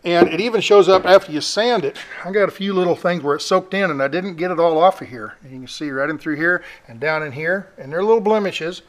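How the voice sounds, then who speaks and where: A man's voice: high-pitched, a little fast, few pauses. A middle-aged man giving a casual, rambling, self-deprecating hands-on show-and-tell in a folksy way, as host of a do-it-yourself vlog. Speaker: host of a DIY build vlog. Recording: echoey room, faint noise, camera mic.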